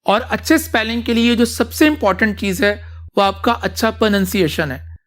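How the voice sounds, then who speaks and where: Speaking at a normal speed in a high, fairly bright voice, this male teacher gives a classroom lesson on vocabulary. He mixes Urdu with English, often makes sure the students are keeping up, and addresses them as "beta."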